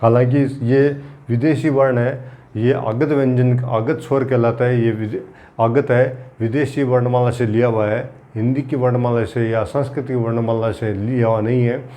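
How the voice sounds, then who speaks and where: A man's voice: medium pitch, steady tone, normal speed, mellow. A man teaching Hindi grammar in an exam-prep lecture, repeating key points and using everyday examples to drill them.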